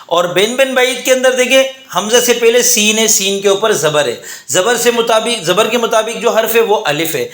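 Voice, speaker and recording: A man teaching Arabic grammar in a methodical lesson, saying example words slowly and repeating them. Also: high voice, a bit bright. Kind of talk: explanatory lesson. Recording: echoey room.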